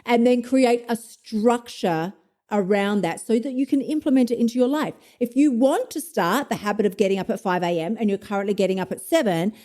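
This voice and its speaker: Her voice warm and fairly high, a motivation coach in her fifties runs a solo podcast. She coaches listeners bluntly, cursing without restraint and poking fun at herself with laughter.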